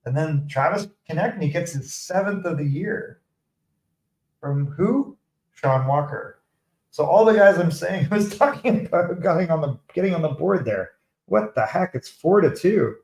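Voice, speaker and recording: On a rough, reverberant recording, a Canadian hockey streamer calls the game live and replies to viewers. His voice sits on the high side, a little mellow, animated yet unhurried, with a chatty, defensive edge.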